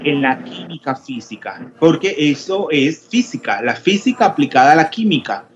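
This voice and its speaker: Male teacher in an online lecture, slightly high pitch, quizzes students, hesitant, muffled audio. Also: big pitch swings, moderate pace. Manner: questioning, explanatory, many hesitations. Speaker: chemistry teacher. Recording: dull lo-fi audio with faint noise.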